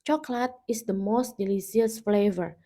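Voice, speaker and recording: A woman's voice: medium pitch, unhurried, mellow. Patient Indonesian woman teaching grammar. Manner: patient, explains step by step, checks understanding. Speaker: English teacher. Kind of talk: classroom-style grammar lesson.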